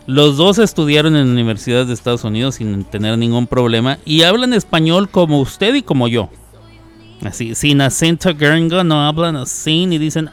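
A man's voice: mid-range voice, a bit bright, clear, resonant tone. A man from Mexico, hosting a casual radio show, reading listener messages aloud and joking as he talks. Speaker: radio host.

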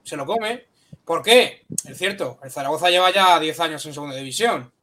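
Man with a bright voice and a faint hiss. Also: fairly high pitch, lively intonation, moderate pace. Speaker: panelist. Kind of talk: football debate.

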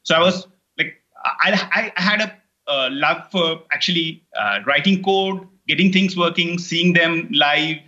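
A middle-aged Indian man, a native Telugu speaker with an Indian English accent, talks as a guest in a casual interview about his work creating online courses. His voice is a little high and bright with a forceful edge, delivered at a measured pace, and the highs sound cut off. He rambles, restarting often and leaning on plenty of fillers.

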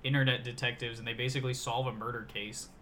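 A young man co-hosting a podcast, chatting casually and retelling stories with quick laughs. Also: mid-range voice, a little hiss or hum. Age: young adult. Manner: excitable storyteller, quick laughs. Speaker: podcast co-host. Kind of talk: casual chat.

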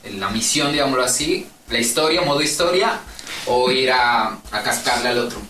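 A man's voice: mid-range voice, animated, normal speed, pushed and bright, roomy sound, distant mic, a little hiss or hum, poor audio. A man co-hosting a casual podcast chat, rambling and restarting his thoughts. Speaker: podcast co-host.

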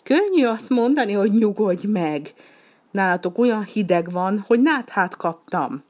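A high, fussy little wild duck from a children's storybook, put on by a woman reading aloud. She pleads and complains in a sniffly, stuffed-up voice. Her tone is raised and strained above the reader's own. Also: animated, darkish tone, close to an everyday voice. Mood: complaining. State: sniffly with a cold.

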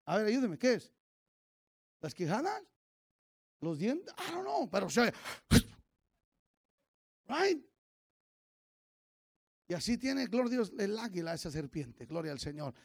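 Fiery high-pitched pastor. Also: male voice, sing-song, moderate pace, gravelly, long pauses, no room sound. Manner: fiery preaching that swings from shouts to quiet asides; calls on the congregation to repeat after him. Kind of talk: Sunday sermon.

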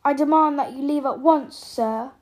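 A woman reading aloud and voicing an angry middle-aged man who shouts out his indignation. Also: high-pitched, normal speed, slightly rough. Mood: indignant.

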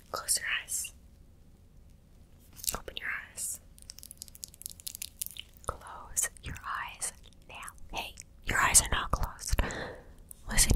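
A woman whispering an ASMR roleplay in a soft, teasing and playfully bossy way. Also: a little high. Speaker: ASMR creator.

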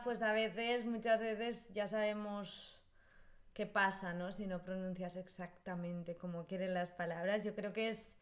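A woman with an accent from Spain, chatting casually about learning languages, lively and emphatic, often asking rhetorical questions. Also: medium pitch. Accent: Spain Spanish. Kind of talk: casual conversation.

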